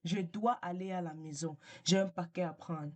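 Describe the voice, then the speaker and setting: A woman giving a casual language lesson, repeating words slowly and patiently and switching between French and English. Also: lowish voice. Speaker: language teacher.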